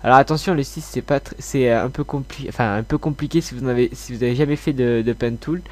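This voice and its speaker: A man with a stuffed-up nose from a slight cold, hosting a software tutorial in an informal, hesitant way. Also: medium pitch, fast. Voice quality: congested, blocked-nose sound. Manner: informal, hesitant, mildly sweary. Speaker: tutorial host.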